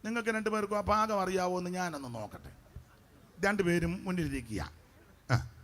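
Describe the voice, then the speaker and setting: A middle-aged man preaching a revival crusade sermon as pastor, fiery and shouting praise between chatty asides. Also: high-pitched, a little fast.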